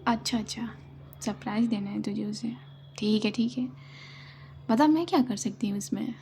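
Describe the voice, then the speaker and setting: A woman's voice: mid-range voice, normal speed, a little hiss or hum, lightly acted. A woman voicing a stern, tender older mother, in whispered role-play. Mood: indulgent. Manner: teasing, commanding, soft-spoken.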